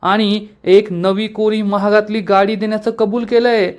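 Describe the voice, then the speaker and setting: A man's voice: high voice, flat delivery, a little slow, pitched above the performer's own voice. A man voicing a middle-aged groom's mother who talks in a brusque, demanding way.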